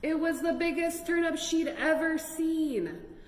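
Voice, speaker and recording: Speaking a little slowly in an extremely high-pitched voice, this woman leads a children's storytime. She reads picture books with expression and breaks off for chatty, exclamatory comments to the audience, all captured in a reverberant, echoey room with noticeable background noise.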